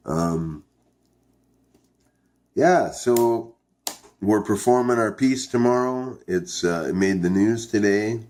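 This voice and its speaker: This Canadian host talks casually to his viewers while reviewing dipping tobacco, rambling, hesitant, and thinking aloud. His voice is on the low side and darkish, slow with frequent pauses, and there's a little hiss or hum.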